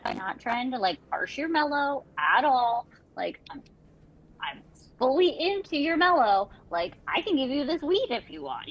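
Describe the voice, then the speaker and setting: A woman's voice: a little high, a bit bright, breathy edge, lo-fi sound. A woman playing a tabletop game, talking in a rambling, earnest way and swearing freely. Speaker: player. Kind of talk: casual in-character chat.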